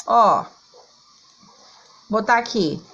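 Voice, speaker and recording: Speaking extremely slowly and expressively, a woman teacher with a Brazilian Portuguese accent patiently explains a lesson to schoolchildren, singing out syllables to show stress and often checking in with "tá?" and "ó". Her mid-range voice is a bit bright, though the recording is muffled.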